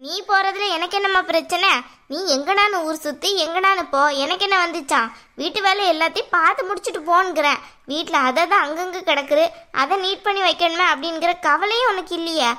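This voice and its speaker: A woman voicing a stern, high-voiced mother-in-law. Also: fairly quick, bright, forceful tone. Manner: scolding, lecturing. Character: stern middle-aged mother-in-law, secretly caring. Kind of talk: cartoon voice acting.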